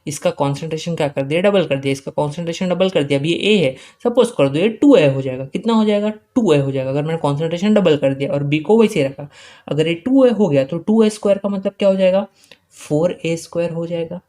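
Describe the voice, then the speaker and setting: A man giving an exam-prep chemistry lecture. He keeps asking questions and answering them himself, repeats key points, and slowly dictates important lines for students to note down. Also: on the high side, mellow. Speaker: chemistry teacher.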